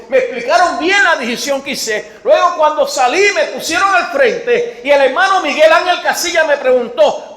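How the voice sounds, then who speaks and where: Brief: Puerto Rican male evangelist, about 60, high-pitched testimony sermon, reverberant church sound. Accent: Puerto Rican Spanish. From Puerto Rico. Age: late 50s or 60. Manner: storytelling, rising to shouted emphasis. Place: church sanctuary. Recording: echoey church room.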